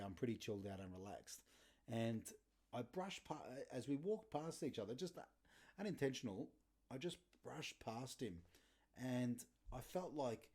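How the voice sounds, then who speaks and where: A man's voice: mid-range voice, dark tone. A man in his thirties hosting a podcast, telling blunt, sweary stories casually and laughing often. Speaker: podcast host. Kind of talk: casual storytelling monologue.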